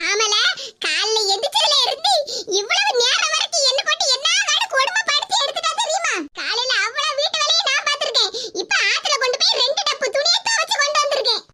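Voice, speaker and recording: A shrill scolding mother-in-law. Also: big pitch swings, quick pace. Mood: complaining. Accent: Tirunelveli Tamil. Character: scheming sharp-tongued old mother-in-law. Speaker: cartoon voice actor. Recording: loud background noise.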